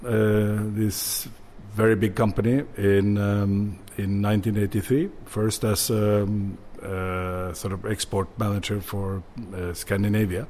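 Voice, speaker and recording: A man's voice: on the low side, level tone, a little slow, few pauses, darkish tone, slight background noise. A man in his sixties from Norway, a bodega owner answering interview questions with many fillers and restarts.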